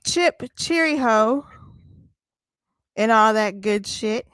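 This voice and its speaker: A woman co-hosting a casual sports podcast, talking in a profane, teasing, animated way. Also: mid-range voice, no room sound. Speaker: podcast co-host.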